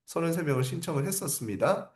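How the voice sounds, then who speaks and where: A man's voice: on the high side, animated, fast, echoey room. A man teaching parents in a livestream lecture, often asking rhetorical questions and repeating his key points for emphasis. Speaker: academy teacher.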